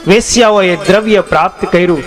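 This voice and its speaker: A man with a high-pitched voice narrates a scripture tale as a swami, in a measured, dramatic way. His delivery is steady and devotional. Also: faint music behind. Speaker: religious storyteller, swami.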